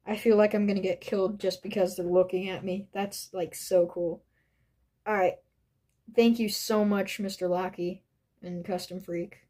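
Young female collector-vlogger, gushing and breathless, restarts sentences, slow and mellow delivery. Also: medium pitch. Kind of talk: excited unboxing vlog.

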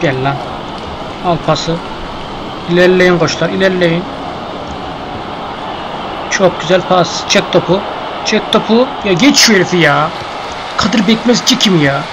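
A man's voice: high voice, unhurried, long pauses, noisy background. A young man giving live gameplay commentary, grumbling and frustrated at the match. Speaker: gameplay streamer.

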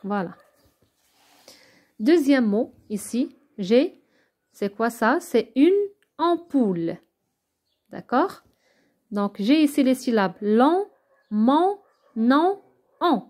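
A woman's voice: a little high, lively intonation, slow pace, pauses often, darkish tone. A woman teaching young children step by step, patiently sounding out syllables one at a time and often checking that they follow. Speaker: primary school teacher. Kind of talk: slow, step-by-step remote lesson for young children.

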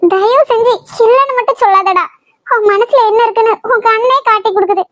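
A squeaky, very high-voiced cartoon mother, voiced by a performer, probing and affectionate. She coaxes the truth out of her son in a dry, close recording. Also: brisk, dry recording. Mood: knowing. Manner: gently scolding, probing, affectionate. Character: caring, perceptive middle-aged mother. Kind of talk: cartoon voice acting.

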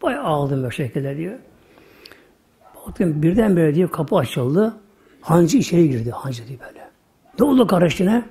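An older man, a religious teacher, telling a sermon story in a folksy way, repeating little filler words and often dropping into hushed asides. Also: on the high side, big pitch swings, moderate pace, pauses often.

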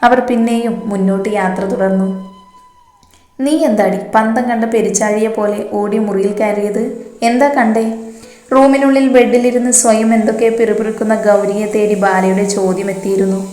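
A woman's voice: medium pitch, fairly even intonation, normal speed, dark tone. A woman narrating a romance story, reading every character in her own voice with small shifts for each. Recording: echoey room with faint music. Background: faint background music.

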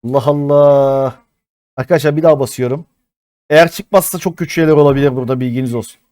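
A man in his thirties doing live-stream commentary as a mobile game streamer, excitable and chatty with his viewers, swearing often. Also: mid-range voice, quick pace, no room sound, clean studio sound. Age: 30s.

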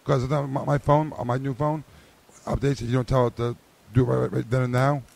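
A man's voice: medium pitch, little pitch movement, fairly quick, creaky, a little mellow. A man, a voice performer, chatting casually and rambling, stumbling and repeating words. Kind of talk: casual chat.

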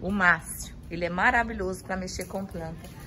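A woman's voice: fairly low pitch, normal speed, heavy background noise. A woman giving a casual garden tour for her vlog outdoors, gushing over each plant and repeating her praise as she films on a handheld phone. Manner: effusive, admiring, repeats praise often.

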